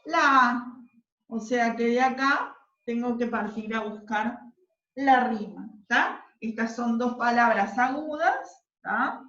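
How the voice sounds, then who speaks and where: A woman's voice: on the high side, slow, fairly bright tone. A woman teaching a class, patiently explaining step by step and often checking that the students follow. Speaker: literature teacher. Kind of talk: classroom lesson. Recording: roomy, distant, dull classroom recording.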